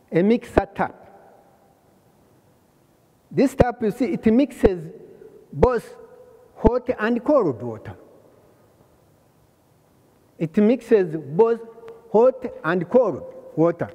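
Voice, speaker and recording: An older man from Rwanda giving a hands-on plumbing lesson, pausing often and repeating phrases as he shows the parts. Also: sits high, very animated, mellow, long reverb tail. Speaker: plumbing instructor. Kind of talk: slow hands-on trade lesson. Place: large workshop hall.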